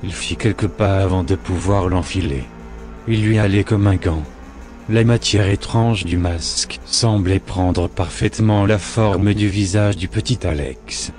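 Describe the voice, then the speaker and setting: A man reading a horror story aloud in a measured, grave narration. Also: sits low, darkish tone, faint music behind.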